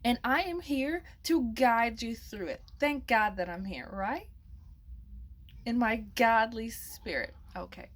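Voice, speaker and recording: A young adult woman hosting an advice podcast in a casual monologue, chatty and playful with sassy slang asides, her voice slightly hoarse. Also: a little high, slow pace. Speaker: podcast host.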